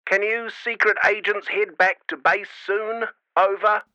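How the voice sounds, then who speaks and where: A man's voice: high voice, steady tone, a little slow, pushed and bright, smooth, dry recording, lo-fi sound, voice pushed up, exaggerated voice. A man voicing a teasing mother talking over a scratchy walkie-talkie.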